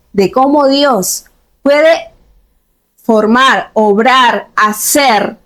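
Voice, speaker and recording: A woman hosting a faith podcast, welcoming her guest and asking questions with affirming interjections. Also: a little high. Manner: warm welcoming, with affirming backchannels. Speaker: podcast host.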